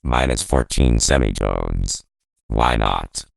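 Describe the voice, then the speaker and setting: A man casually explaining audio software while his voice runs through a vocoder pitched down fourteen semitones. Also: slow pace, vocal fry, no echo, studio quality. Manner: relaxed, explanatory, thinking aloud. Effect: vocoder processing, pitched down fourteen semitones. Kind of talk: casual tutorial walkthrough.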